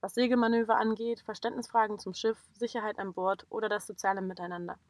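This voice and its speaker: A woman's voice: medium pitch, steady tone, quick pace, no room sound. Outspoken young woman narrating a sailing vlog. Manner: frank, outspoken, critical. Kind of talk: scripted voice-over narration.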